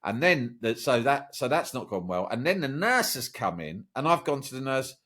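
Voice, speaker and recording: A man on a podcast telling a story from his school days in a casual, animated way. His voice sits at an ordinary middle pitch, and he swears freely as he goes. He keeps checking in with his listener with a quick "right?". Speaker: podcast guest, journalist and broadcaster.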